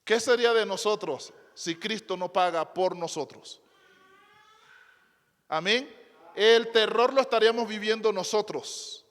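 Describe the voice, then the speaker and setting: A man's voice: sits high, a little slow, a bit bright. A male pastor preaching to a congregation, emphatic, repeating phrases and asking rhetorical questions. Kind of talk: sermon. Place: church before a congregation. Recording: long hall reverb.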